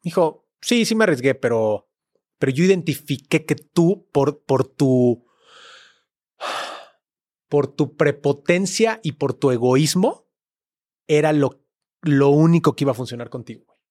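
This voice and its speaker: A man's voice: fairly high pitch, animated, a little slow, long pauses, dark tone, dry recording, clean studio sound. A man with a Mexican Spanish accent, a podcast guest telling a personal story in a casual, slangy, emotional way. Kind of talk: candid storytelling.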